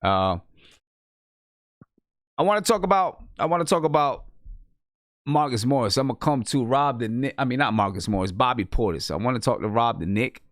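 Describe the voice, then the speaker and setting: A man hosting a casual sports talk show. His voice is mid-pitched and dry, with no room sound around it. He talks loosely, restarts his sentences and keeps pulling his guests into the conversation. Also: fairly bright tone, no echo.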